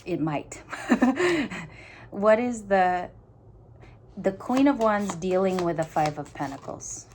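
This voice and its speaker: A woman's voice: mid-range voice, big pitch swings, takes it slowly, long pauses, a little mellow, slight background noise. A woman giving a casual tarot reading to her viewers, thinking aloud in stop-start phrases and talking earnestly straight to the listener. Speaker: tarot reader.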